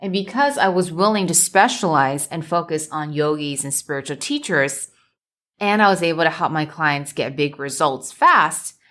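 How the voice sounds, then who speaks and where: A woman from the United States hosting a solo business podcast, speaking in a measured way and building her points in emphatic lists. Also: low-pitched, sharp tone. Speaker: podcast host and business coach. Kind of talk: solo motivational podcast talk.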